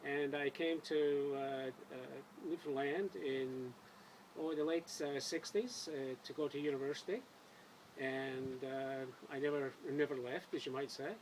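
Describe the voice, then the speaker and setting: A man in his seventies from Scotland, giving a halting interview answer as a council candidate. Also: mid-range voice, steady tone, darkish tone, a little hiss or hum, rough recording. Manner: halting, many fillers.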